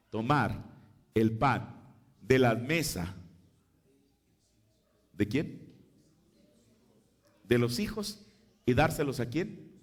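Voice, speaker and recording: A man from Mexico preaching a sermon, who swings between quiet, low passages and loud, high bursts of emphasis, and acts out biblical dialogue in changing voices.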